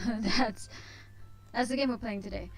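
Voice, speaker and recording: A woman's voice: fairly high pitch, measured pace, rough recording. A woman hosting a let's play of a visual novel, chatting casually in a hesitant, self-conscious way. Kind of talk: casual let's play chat with read-aloud narration.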